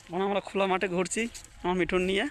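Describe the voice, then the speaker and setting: A man's voice: high voice, flat delivery, very fast. Man coaxing his pet parrot outdoors. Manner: coaxing, baby-talk to a pet. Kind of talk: talking to a pet bird while filming. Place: outdoors in fields and a flower garden.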